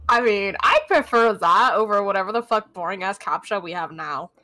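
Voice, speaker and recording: A young woman joining a friend to react to a show, easygoing and sweary, her sentences trailing through "like" and "um". Her voice has an everyday middle pitch and a relaxed, casual delivery. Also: moderate pace. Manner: offhand, sweary, trailing fillers. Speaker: guest co-host. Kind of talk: casual commentary chat while watching a show.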